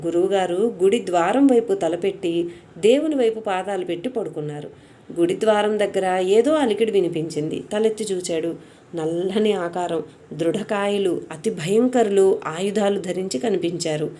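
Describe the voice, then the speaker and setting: A woman narrating a devotional story in a steady, even storytelling manner. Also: mid-range voice, moderate pace.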